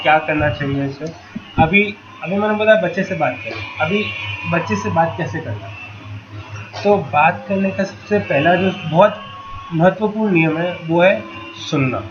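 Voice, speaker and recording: Man, high voice, patient workshop explainer, muffled lo-fi recording, loud background noise. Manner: patient, asks rhetorical questions, casual "yaar" asides. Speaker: workshop facilitator for parents. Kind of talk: explanatory talk to parents. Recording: dull lo-fi with loud ambient noise.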